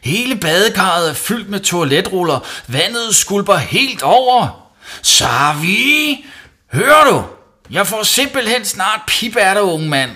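A man reading a storybook and voicing an angry mother who shouts and scolds her son. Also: lowish voice, expressive, breathy edge, pitched above the performer's own voice.

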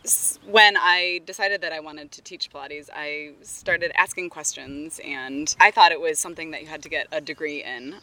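A woman giving a casual, informal interview outdoors as a guest, talking somewhat haltingly. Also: low voice, steady tone, pushed and bright. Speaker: interview guest, Pilates studio co-owner.

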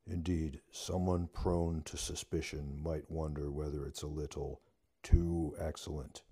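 A man voicing Death as a calm, deliberate figure who speaks slowly. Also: a bass voice, slightly rough, full character voice. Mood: measured. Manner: slow and deliberate. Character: Death, slow and measured, calm being.

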